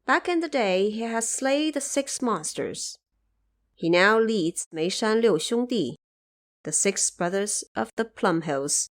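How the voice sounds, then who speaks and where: A woman playing a serene, humble female Bodhisattva who advises in a measured, formal and deferential way. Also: mid-range voice.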